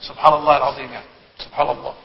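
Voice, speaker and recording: A man with an Egyptian accent giving a religious lesson as a sheikh, asking rhetorical questions and telling stories in a lively way. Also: mid-range voice, racing, gravelly. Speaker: sheikh teaching a book. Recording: echoey hall, dull lo-fi sound.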